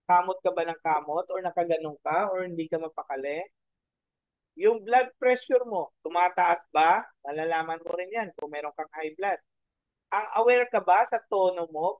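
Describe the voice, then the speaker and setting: A man's voice: high-pitched, moderate pace, no room sound, highs cut off. A man preaching a sermon in mixed Tagalog and English, asking the audience rhetorical questions and checking in with "okay?". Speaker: pastor.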